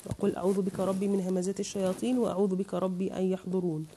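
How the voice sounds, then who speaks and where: A woman's voice: medium pitch, level tone, very fast, background noise. A woman with an Egyptian accent teaching a children's lesson online, patiently breaking words into syllables for her pupils. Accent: Egyptian Arabic.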